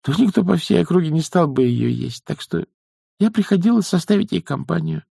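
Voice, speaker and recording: A man voicing a timid but stubborn young woman witch who squeaks and falters. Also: lively intonation, fairly quick, creaky, warm tone, breathy edge, dry recording, studio quality, heavily acted. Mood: pleading.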